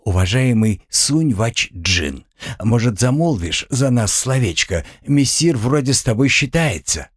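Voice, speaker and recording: A man's voice: medium pitch, expressive, unhurried, breathy edge, dry recording, clean studio sound, voice pushed up. A man voicing a timid, simple-minded male orderly who speaks deferentially and a little slyly. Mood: meek deferential. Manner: meek, servile, slightly sly.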